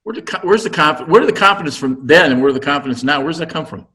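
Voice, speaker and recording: A man's voice: fairly high pitch, expressive, rapid-fire, pushed and bright. A man hosting an interview, asking loose, rambling questions with frequent restarts. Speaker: host.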